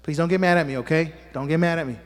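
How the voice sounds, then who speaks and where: Racing through his sermon with a slightly high voice, a pastor fills the church sanctuary with big-room sound. He's a native Spanish speaker who teases his congregation with jokes on the side and keeps checking in with "amen?"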